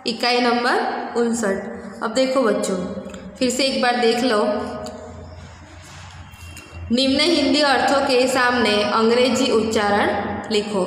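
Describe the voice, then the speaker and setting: A woman's voice: on the high side, slow pace, pauses often. A woman primary school teacher giving a patient video lesson, repeating each word and asking the children to say it back. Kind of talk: slow classroom video lesson. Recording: very echoey classroom with long reverb, faint hum.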